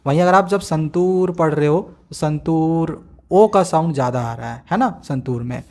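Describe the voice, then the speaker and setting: Guy teacher walking kids through a lesson, slightly high voice, reads english slow then explains. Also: warm tone. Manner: explains step by step, often checks "samajh mein aa gaya?".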